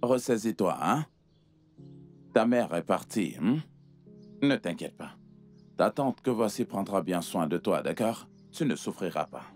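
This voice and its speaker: A man voicing a smooth rich benefactor. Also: low-pitched, lively intonation, measured pace, long pauses, a little mellow, soft background music. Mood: coaxing. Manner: coaxing, reassuring. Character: wealthy older man, smooth-talking benefactor. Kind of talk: French dub of a film.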